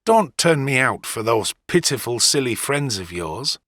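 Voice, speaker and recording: An actor playing a sullen, wounded young farmhand in a dramatic audiobook, gruff and resentful. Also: male voice, medium pitch, very animated, unhurried, a bit bright, dry recording. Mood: hurt, agitated.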